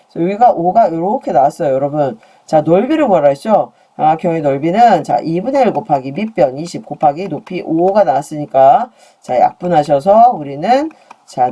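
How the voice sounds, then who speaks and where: A woman teaching a math lesson in a playful, chatty way, asking her students questions and throwing in jokes. Her voice is on the low side and dark, with a pitch that rises and falls a lot.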